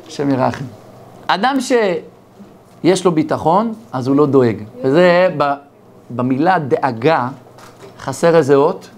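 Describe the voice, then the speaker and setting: Israeli rabbi giving a sermon, tells parables, acts out the voices, bit of hiss in the background. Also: male voice, on the high side, pauses often. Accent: Israeli Hebrew. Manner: animated storyteller acting out dialogue.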